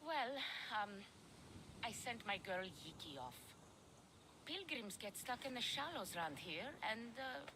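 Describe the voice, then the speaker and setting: A woman playing a gruff, foul-mouthed ship captain in a video game, curt and irritable. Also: on the high side, sing-song, slow, background noise. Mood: weary, pleading.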